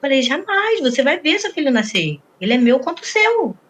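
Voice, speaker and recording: A woman's voice: sits high, very animated. A woman giving an interview, recounting a painful personal story and acting out the quoted dialogue. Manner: rapid, acts out quoted dialogue. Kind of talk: emotional personal account.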